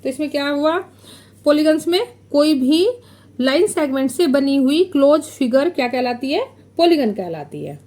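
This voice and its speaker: A woman teaching a maths lesson. She explains step by step while drawing, poses questions and answers them herself, and repeats key terms slowly. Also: sits high, lively intonation, warm tone. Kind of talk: classroom lesson explaining geometry.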